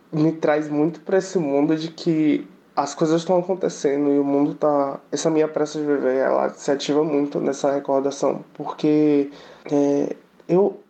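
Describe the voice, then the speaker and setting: A man hosting a casual podcast, talking in an emotional, halting way with frequent restarts. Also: on the high side, dark tone. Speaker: podcast host. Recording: dull lo-fi audio.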